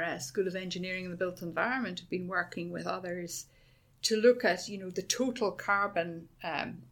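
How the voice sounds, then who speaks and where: A woman's voice: lowish voice, creaky, sharp tone. A middle-aged woman with a Dublin Irish accent, a university principal answering interview questions with enthusiasm and many restarts. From Ireland.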